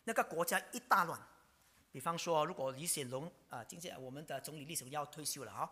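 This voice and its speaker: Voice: medium pitch, animated, quick pace, bright, forceful tone, husky. A preacher gives a dramatic sermon, full of rhetorical questions and sudden whispers. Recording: long reverb of a large hall.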